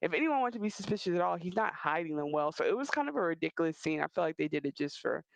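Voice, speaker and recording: A man co-hosting a podcast, talking in a casual, animated and rambling way with quick restarts. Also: on the high side, gravelly, no echo, low-quality recording. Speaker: podcast co-host. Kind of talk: casual chat.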